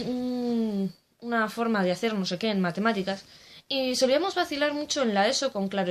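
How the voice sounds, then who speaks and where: Blunt young woman with a high voice. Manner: blunt and candid, with casual swearing. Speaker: vlogger. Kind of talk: casual monologue.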